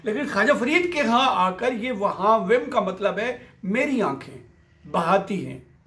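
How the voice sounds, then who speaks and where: A man whose voice sits high with a fairly bright tone comments on a classical Sufi poem line by line. He recites each verse, then glosses its words.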